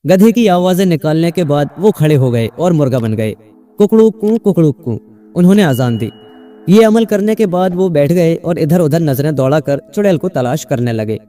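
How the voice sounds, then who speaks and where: Man, storybook narrator, measured folk-tale reading, soft music bed. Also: on the high side. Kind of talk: scripted narration.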